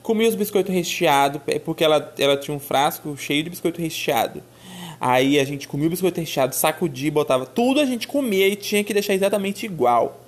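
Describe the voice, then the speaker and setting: Animated woman telling stories. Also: sits low, a little fast. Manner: animated, exclamatory, addresses listeners as "minha filha". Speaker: storyteller. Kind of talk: casual personal storytelling.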